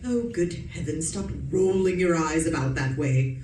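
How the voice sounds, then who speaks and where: Here a woman with a low, dark-toned voice plays a haughty, nagging society wife in a radio suspense drama, bossy and suspicious and sure of every scolding word. She speaks at a moderate pace and acts it lightly. The recording picks up room echo and background noise from a far-off microphone.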